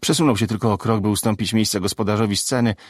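A man narrating an audiobook story expressively, in a lively storytelling manner. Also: on the low side, fast talker, slightly rough, no echo, clean studio sound.

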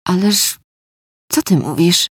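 A jittery, evasive young man who wants to hush things up, read by a woman narrator. Her low voice stays close and dry. Storybook reading. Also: takes it slowly, slightly rough, no echo, heavily acted. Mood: nervous. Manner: placating, nervous. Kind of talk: audiobook character voice.

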